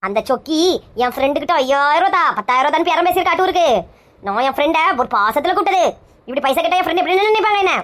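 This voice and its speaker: Shrill touchy village woman, done by a woman. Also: animated, rapid-fire, fairly bright tone. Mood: indignant. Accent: Kanyakumari Tamil. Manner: shrill, nagging, bickering. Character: touchy bald middle-aged village woman, quick to take offence.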